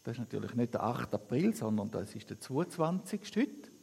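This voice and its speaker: A man's voice: medium pitch, big pitch swings, normal speed, creaky, darkish tone, breathy edge. A man preaching earnestly to his congregation, repeating phrases for emphasis and reading a passage aloud. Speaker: pastor. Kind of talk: sermon with Bible reading and prayer. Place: church. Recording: long reverb of a church hall.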